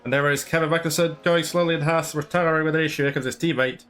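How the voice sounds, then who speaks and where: A man's voice: fairly high pitch, fairly even intonation, fast, fairly bright tone. A man casually commentating his own racing game play, chatty and rambling, sometimes slipping into mock broadcast commentary. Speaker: gaming YouTuber.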